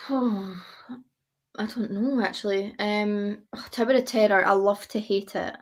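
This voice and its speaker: A woman's voice: mid-range voice, fairly even intonation, slow pace. A woman chatting casually as a guest, gushing and repeating herself for emphasis. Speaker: interview guest. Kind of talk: casual chat.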